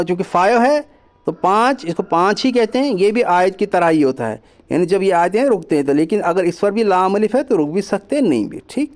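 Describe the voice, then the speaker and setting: Man, high voice, Quran reading teacher, patient step-by-step explanations, slow drawn-out letter names. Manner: explains patiently, repeating points and drawing out letter names slowly; mixes English words into his explanations. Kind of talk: online lesson on Quran reading.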